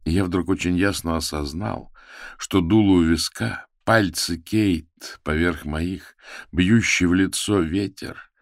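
A man reading a first-person audiobook in a measured, grave storytelling manner. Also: deep voice, no echo, clean studio sound. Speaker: audiobook narrator. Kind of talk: scripted first-person narration.

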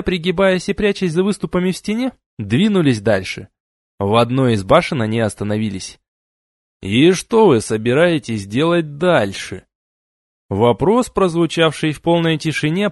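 A man's voice: a little high, big pitch swings, normal speed, no room sound, clean studio sound. A man narrating a fantasy audiobook expressively, giving each character a voice.

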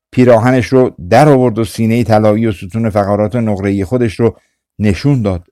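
Mellow-voiced man narrating a folktale. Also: medium pitch, smooth, dry recording, clean studio sound. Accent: Persian. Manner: calm, measured folktale reading. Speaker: audiobook narrator. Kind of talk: scripted storytelling narration.

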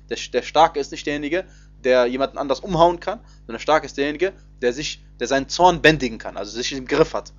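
A man giving a spoken religious lesson, explaining in a loose, conversational way with frequent hesitations and restarts. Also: mid-range voice. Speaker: Quran commentary teacher. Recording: slightly dull, lo-fi recording.

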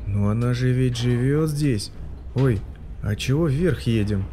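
A man reading an audiobook, voicing a harried young mother who scolds and coaxes her son in quick bursts. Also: medium pitch, warm tone, a little hiss or hum, natural voice. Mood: coaxing. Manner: scolding, hurried.

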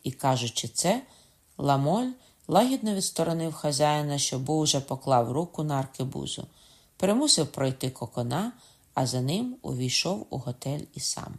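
An audiobook narrator reading a classic novel in a steady, plain voice. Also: mid-range voice, moderate pace. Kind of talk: scripted literary narration.

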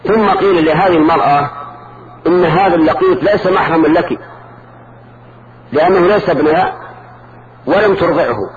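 A man's voice: on the high side, normal speed, pauses often, narrow, tinny audio, noisy background. A man teaching Arabic grammar in a lesson, patiently repeating word forms and checking that students follow.

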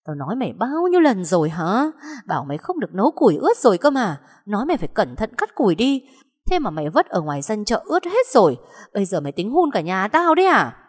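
A woman voicing a harsh, abusive middle-aged stepmother who shouts and scolds, with a long echoing reverb. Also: lowish voice, very animated, brisk. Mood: scolding.

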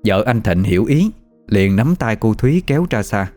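A man's voice: on the low side, big pitch swings, normal speed, darkish tone. A man with a Southern Vietnamese accent narrating a ghost story in a dramatic, vivid manner. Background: faint music.

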